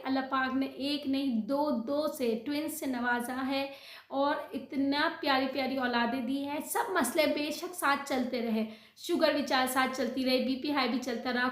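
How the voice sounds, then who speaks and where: A woman's voice: sits high, reverberant. A woman with a Pakistani Urdu accent giving an earnest devotional talk with step-by-step instructions, often adding little "isn't it" tags. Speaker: religious teacher.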